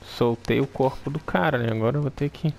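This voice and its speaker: A man's voice: medium pitch, brisk, creaky, darkish tone. A man with a Brazilian accent giving casual, slangy gameplay commentary as a horror game streamer, muttering his reactions. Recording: background noise under the voice. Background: horror game ambience.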